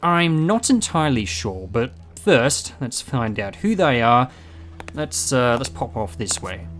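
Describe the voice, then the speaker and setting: A jovial, quick-witted adventurer, played by a man, talks with theatrical confidence at a medium pitch. Music runs behind his breezy, self-assured audio drama lines. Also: big pitch swings, a bit bright. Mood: curious, confident.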